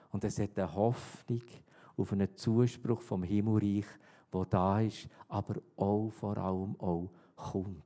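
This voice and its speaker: A man with a Swiss German accent preaching a sermon, repeating his key points and swinging between loud calls and hushed near-whispers. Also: on the low side.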